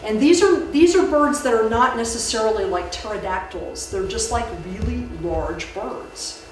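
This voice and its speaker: At a library folklore talk, a woman recounts folk tales and explains traditional beliefs conversationally, restarting frequently and leaning on fillers. She speaks at a normal speed with a voice on the high side. The recording is distant and very echoey, with steady noise beneath it.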